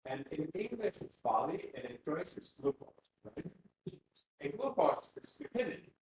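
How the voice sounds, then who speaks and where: Speaking in a fairly high, very animated voice at normal speed, this Finnish academic has a darkish tone and keeps hesitating, filling pauses and restarting sentences. He's giving a conference workshop talk in a university seminar room, recorded in a roomy hall with faint ambience and slight background noise.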